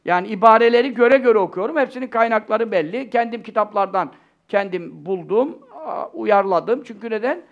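High-pitched, creaky older preacher. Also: male voice, normal speed, highs cut off. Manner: conversational, rambling, animated self-interjections and rhetorical questions. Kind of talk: informal religious lecture with asides to the congregation.

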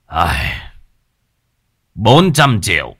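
A man voicing a calm, self-assured exorcist master who speaks in a slow, measured, authoritative way. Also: lowish voice, full character voice.

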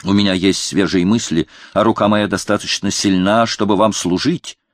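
A man's voice: lowish voice, steady tone, moderate pace, no room sound, studio quality, natural voice. A man voicing a proud, hot-tempered young courtier who speaks with passion and defiance. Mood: heated. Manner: impassioned, defiant.

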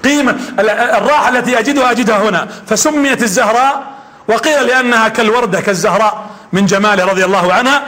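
A man's voice: high-pitched, fast, pushed and bright. A man preaching a sermon, telling stories with animation and quizzing his audience.

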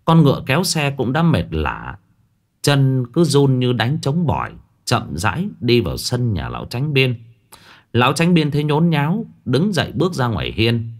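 A man narrating a ghost story in a dramatic, expressive way. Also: mid-range voice, normal speed.

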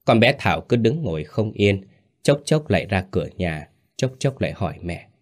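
A man narrating a horror story in a calm, measured storytelling manner. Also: fairly low pitch, no room sound, studio quality.

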